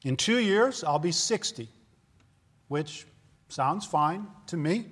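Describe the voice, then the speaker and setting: A pastor in his fifties, with a slightly high voice trailing off into long reverb, preaches a sermon earnestly and conversationally. He often poses rhetorical questions to his listeners.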